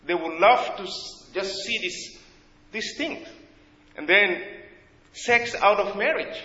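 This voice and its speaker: A South Sudanese-accented man preaching a sermon with a bright, forceful voice set a little high. He speaks earnestly and haltingly, pausing to find his words. The sound is dull and lo-fi, ringing through a large reverberant church hall. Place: church in America.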